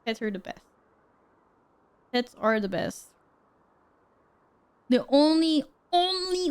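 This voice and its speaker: Streaming from a room in her apartment, a young woman from Sweden reads viewers' messages out loud, chats with them casually, and laughs a lot. She has a medium-pitched voice that is a little mellow, clear, and resonant.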